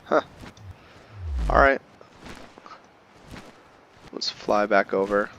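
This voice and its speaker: A man with a lowish, slightly bright voice draws out his words as he narrates his own video game playthrough, musing aloud to himself in a casual, laid-back way. The audio is dull, with faint background noise.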